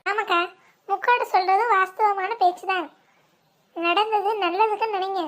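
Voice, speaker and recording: A woman's voice: extremely high pitch, steady tone, moderate pace, a bit bright. A woman acting a fretful village mother and her chatty relatives in a comic family skit, with dramatic gossiping talk.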